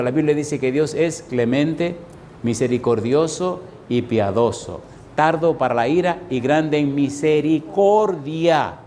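A pastor preaching an evangelistic sermon, asking the congregation the same rhetorical question twice and slowing down to stress key phrases. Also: male voice, on the high side, a little mellow.

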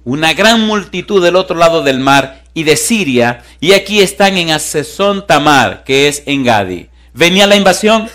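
A male pastor giving a sermon, moving between loud rousing calls and hushed storytelling. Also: on the high side, big pitch swings, moderate pace, few pauses.

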